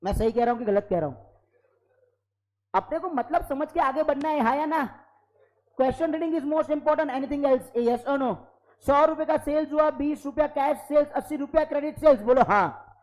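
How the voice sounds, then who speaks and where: A man teaching an accounting class live in a classroom, lively and constantly prompting students for yes or no. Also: very high voice, normal speed, poor audio. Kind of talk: classroom lecture.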